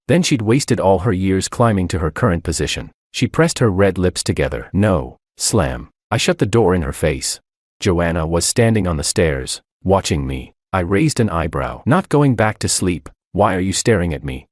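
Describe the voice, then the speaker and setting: Deep-voiced male audiobook narrator. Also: normal speed, dry recording, studio quality. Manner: expressive, lively first-person storytelling.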